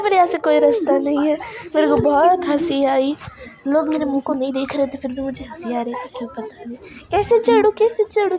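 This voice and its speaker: High-voiced chatty woman vlogging. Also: mellow. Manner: chatty, self-mocking. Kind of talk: casual vlog voice-over.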